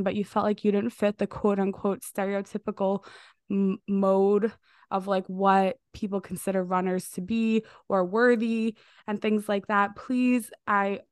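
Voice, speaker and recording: A young woman hosts a podcast interview in a medium-pitched, clean voice, a little nasal after a recent illness. She's warm and enthusiastic, filling her speech with lots of fillers. The recording is dry and studio quality.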